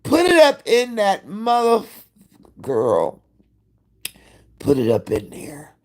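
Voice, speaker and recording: Fifties guy chatting live from home, gravelly and husky, cussing and gossiping, slow and lively. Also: high voice, low-quality recording. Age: 50s. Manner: animated, profane gossiping with viewers. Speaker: livestream host. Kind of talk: casual live-stream chat.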